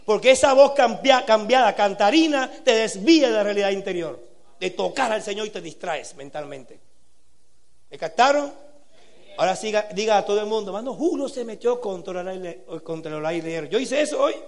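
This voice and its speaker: A man preaching a sermon to young people, earnest, asking rhetorical questions and swinging between quiet and loud passages. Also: high voice, lively intonation, normal speed. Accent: Latin American Spanish.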